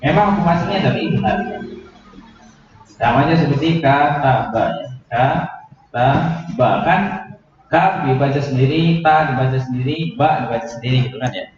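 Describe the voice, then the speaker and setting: A man teaching Quran recitation rules to a class, explaining slowly and asking the students questions. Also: mid-range voice. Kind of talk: classroom tajwid lesson. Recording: echoey room, dull, noisy.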